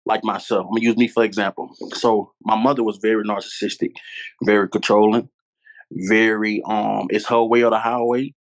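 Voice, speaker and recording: Here a man from Louisiana, US, in his 20s, appears as a podcast guest telling stories candidly and earnestly, restating points for emphasis. His voice sits lowish with a level tone and a moderate pace. The audio is poor.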